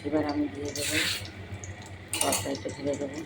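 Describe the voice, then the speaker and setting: A home cook with a voice gone hoarse from a cold, explaining a recipe step by step and addressing viewers as friends. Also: medium pitch, monotone, fairly quick, heavy background noise. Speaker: home cook hosting a cooking channel. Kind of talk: cooking tutorial with step-by-step talk. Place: home kitchen. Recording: home kitchen with sizzling and clattering pans.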